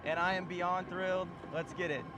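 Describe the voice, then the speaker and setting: An American man vlogging outdoors on a roller coaster, whooping and exclaiming excitedly over loud wind and ride noise. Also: high voice, dull audio.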